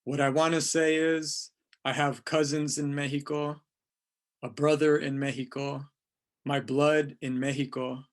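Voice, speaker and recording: Poet, male, 30s, from California, slightly high voice, unhurried verse reading. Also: level tone. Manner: slow, deliberate reading of verse. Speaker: poet, featured writer. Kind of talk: casual talk and poetry reading.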